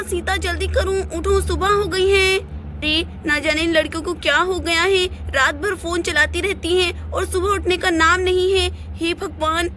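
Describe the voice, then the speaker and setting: A woman's voice: very high voice, sharp tone, slight background noise, full character voice. A woman voicing a scolding middle-aged aunt and mother in a doll play story, with a nagging, exasperated manner.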